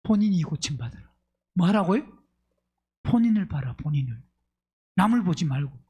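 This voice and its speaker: A man preaching a Sunday sermon as pastor, firing questions at the congregation and swinging between loud emphatic bursts and low asides. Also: big pitch swings, normal speed, husky. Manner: fires rhetorical questions at the congregation.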